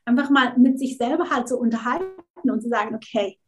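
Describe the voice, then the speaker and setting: In a brisk, high-pitched voice, a coach answers interview questions casually. She's not confident in German, which isn't her first language, so she keeps restarting words and mixing in English.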